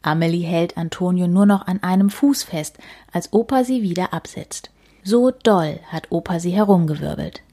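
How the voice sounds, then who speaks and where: A woman gently narrating a children's storybook, often near a whisper. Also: fairly low pitch, normal speed.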